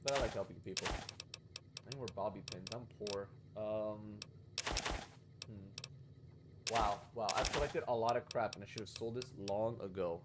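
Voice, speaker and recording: A man's voice: fairly low pitch, unhurried, long pauses, heavy background noise. A man streaming a game, chatting casually as he plays, rambling and correcting himself with sarcastic asides. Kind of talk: casual gameplay commentary.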